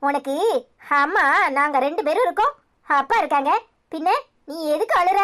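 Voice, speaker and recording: A cartoon young mother with a very high, piping voice and a Tirunelveli Tamil accent, as a woman acts her out. She soothes her children and frets with her husband, caring and quick to blame herself. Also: lively intonation, fairly bright tone. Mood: soothing. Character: caring young mother and wife, tearful and self-blaming. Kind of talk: cartoon serial acting.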